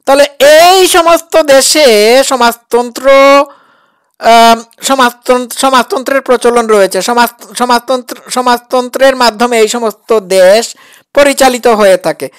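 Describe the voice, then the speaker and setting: A woman's voice: a little high, measured pace, clear, resonant tone. A woman giving reaction commentary in a mocking, sarcastic and challenging way. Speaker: critic reacting to a preacher's clip.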